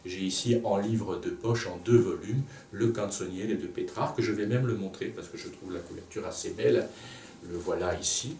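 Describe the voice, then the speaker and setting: Lower-voiced man teaching, echoey room. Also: dark tone, recorded from a distance, slight background noise. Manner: halting, with many restarts and filler sounds. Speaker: music teacher. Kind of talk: explanatory lesson. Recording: echoey room, speaker off-mic.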